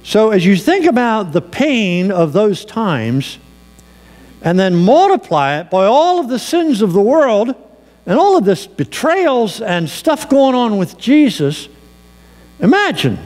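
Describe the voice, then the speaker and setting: A man's voice: sits high, sing-song, takes it slowly, a little mellow. A male pastor preaching a sermon, telling a personal story in a conversational way with fillers, in a church sanctuary with long reverb.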